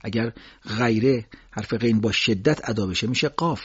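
Man giving a tajweed lesson, bit husky, stretches out example words, muffled recording. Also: on the low side. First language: Persian. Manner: demonstrates sounds by slow, drawn-out recitation. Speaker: Quran recitation teacher.

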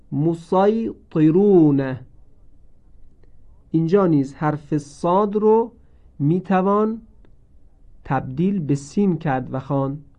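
A man with a fairly high, mellow voice teaches Quran reading in a recorded lesson. He talks slowly and deliberately and stretches out each word he recites. The recording sounds dull and lo-fi. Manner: slow, deliberate, repeats each word with drawn-out recited forms.

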